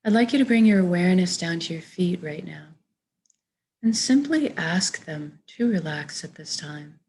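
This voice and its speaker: Guiding a meditation, a woman gives soothing instructions softly, gently and at a measured pace. Her voice is fairly low with lively intonation, and the recording is rough.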